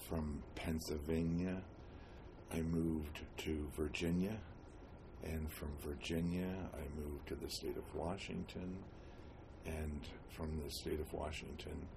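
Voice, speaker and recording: Reminiscing about his life for an oral history interview, an old man from New Jersey with an American accent speaks in an extremely low, steady voice. He goes slowly, hesitating often and pausing at length between phrases, and clear noise can be heard behind him.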